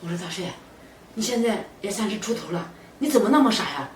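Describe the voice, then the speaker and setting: An actress playing a middle-aged neighbor aunt who tries to make matches, speaking in a coaxing, persuasive way. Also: female voice, mid-range voice, expressive, fast, slight background noise, natural voice. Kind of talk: short web drama acting. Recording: echoey room.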